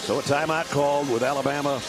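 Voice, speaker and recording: A man's voice: on the high side, fairly even intonation, fast talker, over music. An American man calling live football play-by-play in short, clipped phrases as a sports announcer. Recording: broadcast with loud stadium noise. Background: loud stadium noise.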